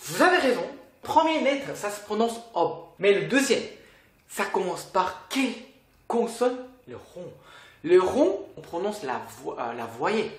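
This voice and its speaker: A language teacher talks through a lesson at an unhurried pace. The voice rises and falls a lot, with a patient habit of quizzing the listener. A roomy echo hangs on the recording. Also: medium pitch, big pitch swings, darkish tone. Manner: patient, asks the viewer questions. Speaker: Korean teacher.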